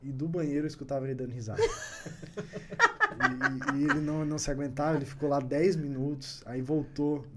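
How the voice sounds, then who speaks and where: A man, a guest entrepreneur telling anecdotes on a casual podcast, animated and chuckling often. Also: fairly high pitch, fast, vocal fry, few pauses, heavy background noise.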